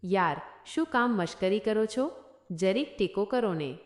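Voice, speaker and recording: A fat, pushy neighbour man in a storybook tale, read by a woman, with an eager, ingratiating way of talking. The voice sits at an ordinary middle pitch. The room around it rings with echo. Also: expressive, a little slow, close to an everyday voice. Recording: echoey room.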